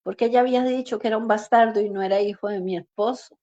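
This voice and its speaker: A woman's voice: fairly high pitch, fairly even intonation, fast talker, dark tone. A woman giving an earnest personal testimony as a preacher, acting out the words of the people in her story. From Costa Rica. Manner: earnest, acts out quoted dialogue. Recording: dull lo-fi recording.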